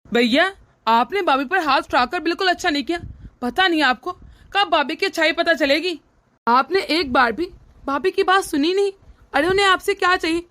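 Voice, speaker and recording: A woman's voice: extremely high pitch, moderate pace, fairly bright tone. A woman voicing a reproachful younger brother in a cartoon, scolding his older brother.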